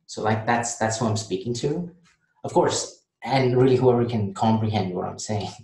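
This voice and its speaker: A man vlogging casually late at night, rambling and halting with many restarts. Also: on the low side, a little mellow, roomy sound, rough recording.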